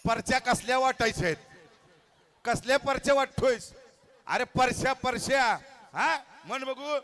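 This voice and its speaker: A man's voice: extremely high pitch, lively intonation, moderate pace, fairly bright tone. A man emceeing a live stage show, coaxing and teasing children in a playful way on a handheld mic outdoors. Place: outdoor stage at a hotel lawn.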